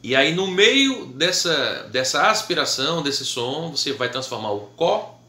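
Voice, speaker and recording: A Brazilian man gives a relaxed harmonica lesson with a bright, forceful tone. He moves at an easy pace and keeps checking in with short tags. The room around him has a noticeable echo. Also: a little high, unhurried. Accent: Brazilian Portuguese. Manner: patient, checks in with "tá?" and "né?" often. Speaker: harmonica teacher. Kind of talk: casual video lesson.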